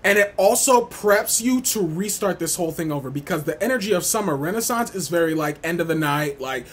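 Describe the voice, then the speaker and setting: Working as a music reviewer, a man ranks album tracks in an unhinged, casual rant, sassy and slangy, swearing and repeating himself for emphasis. His fairly high voice is expressive, brisk, a bit bright and slightly rough, and his whole delivery is wild and over the top.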